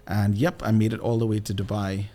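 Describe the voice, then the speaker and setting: Animated Trinidadian man telling stories. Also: lowish voice, a little fast. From Trinidad and Tobago. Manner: animated, playful, with lively voiced asides. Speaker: guest, entrepreneur and business coach. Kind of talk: casual interview storytelling.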